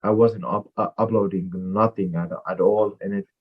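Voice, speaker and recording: The speaker is a Finnish-born and raised MMA fighter in his twenties, a native Finnish speaker, giving rambling interview replies full of fillers. His lowish, slightly rough, steady voice moves at normal speed and sounds phone-quality.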